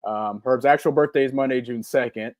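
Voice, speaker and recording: Reading out chat comments on a live-stream podcast he co-hosts, this man in his 40s rambles cheerfully, repeating himself and saying um a lot. He talks a little fast in a mid-range voice, with no room sound.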